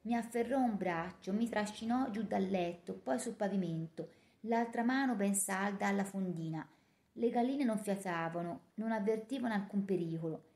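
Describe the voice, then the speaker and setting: A woman narrating a novel in the first person with a measured, expressive reading. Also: medium pitch. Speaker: audiobook narrator. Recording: roomy echo.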